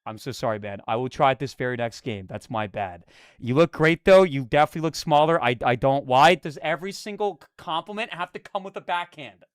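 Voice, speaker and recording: A young man live streaming and chatting with his viewers, jumping between loud hype and a low, mock-menacing mutter. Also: expressive, brisk, clean tone, no room sound, clean studio sound.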